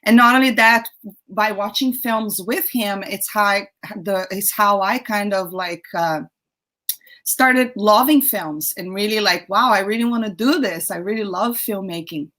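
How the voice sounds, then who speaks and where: A young woman from Brazil, a guest in a casual interview, chatty and laughing often, with halting restarts. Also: mid-range voice, a bit bright. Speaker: guest, YouTube creator.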